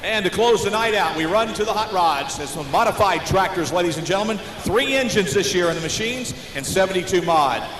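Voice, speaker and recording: An American man working as a tractor pull announcer, introducing competitors live with showy, drawn-out names. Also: sits high, animated. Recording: noisy, echoing arena PA with long reverb.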